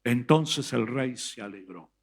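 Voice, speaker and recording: A man with an Argentine Spanish accent, preaching a sermon as pastor and retelling a scripture story with emphatic, dramatic pauses. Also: mid-range voice, lively intonation. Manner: reads scripture aloud slowly.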